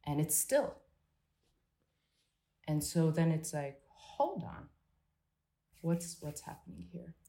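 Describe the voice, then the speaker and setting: A woman psychotherapist explains her view in a reflective conversational interview, speaking haltingly with many restarts and fillers. Her low, mellow voice is also sing-song and gravelly, giving the sense of a thoughtful guest working out ideas as she talks.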